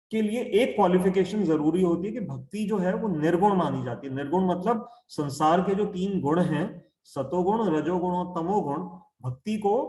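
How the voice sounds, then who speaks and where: A man teaching an online scripture class, explaining slowly and repeating key terms, asking questions and answering them himself. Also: a little high, a little mellow, echoey room. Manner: asks and answers his own questions. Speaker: Gita teacher. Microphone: video call.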